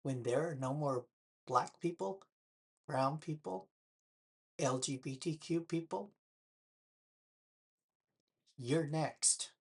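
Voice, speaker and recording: A woman's voice: low voice, takes it slowly, long pauses, a little mellow, breathy edge. An older woman speaking straight to her viewers, firing pointed rhetorical questions with a sarcastic edge. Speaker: political vlogger. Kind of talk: direct-to-camera commentary.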